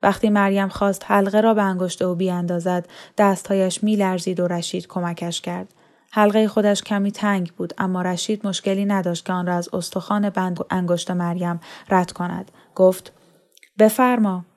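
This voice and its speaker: A woman reading a novel aloud in a calm, even, measured storytelling manner. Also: lowish voice. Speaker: story reader. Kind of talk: audiobook narration of a novel.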